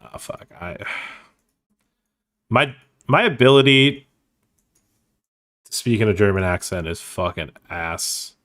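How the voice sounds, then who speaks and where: A man's voice: on the low side, animated, unhurried, long pauses, a bit bright. A man streaming online poker, thinking aloud in casual, self-mocking commentary and swearing freely.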